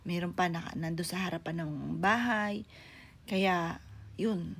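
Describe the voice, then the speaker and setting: A middle-aged woman, a mother telling her viewers a personal story in a halting, often hushed way. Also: lowish voice, breathy edge. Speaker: grieving mother vlogger. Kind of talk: casual spoken storytelling to viewers.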